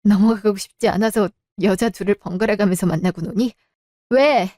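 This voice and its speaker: A woman acting in a radio drama, confronting in a sharp, cold way. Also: medium pitch, moderate pace, no room sound. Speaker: voice actor.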